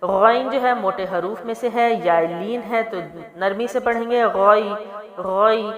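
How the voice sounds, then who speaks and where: A woman teaching Quran recitation, explaining each letter patiently and then chanting the verses slowly and melodically. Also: medium pitch, muffled recording. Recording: echoey room with long reverb.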